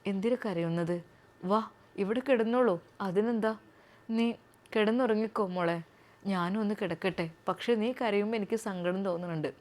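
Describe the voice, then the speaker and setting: A woman voicing a gentle, soft-spoken young male doctor who talks to his wife in a low, soothing way. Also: normal speed, lightly acted.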